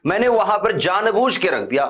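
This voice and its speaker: A man's voice: high-pitched, big pitch swings, normal speed, a bit bright. A man teaching a physics class online. He keeps asking his students questions, answers them himself and repeats key terms. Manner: stern when telling students to stop chatting.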